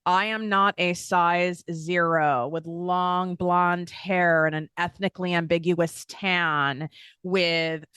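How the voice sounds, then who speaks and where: A podcast host and business coach runs a motivational solo show, speaking candidly and energetically as she acts out doubtful inner voices and laughs at herself. Her voice is lowish, smooth, and fairly bright, with a steady tone and a slow delivery. The clean studio sound has no echo.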